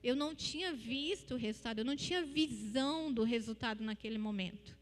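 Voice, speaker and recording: High-voiced woman giving church testimony. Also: a little fast. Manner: earnest, emotional storytelling with repeated phrases. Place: church hall. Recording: long hall reverb with faint music.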